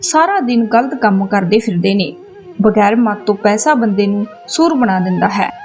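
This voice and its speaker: A woman's voice: mid-range voice, animated, moderate pace, darkish tone, faint music behind, natural voice. A woman voicing a pious grown male shopkeeper who moralizes earnestly, in a storybook narration.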